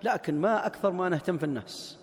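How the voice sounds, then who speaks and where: A high-pitched man preaching, his sermon running conversational and emphatic. He keeps throwing rhetorical questions at the listeners and drops into colloquial asides. His voice trails off into a long hall reverb. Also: fast.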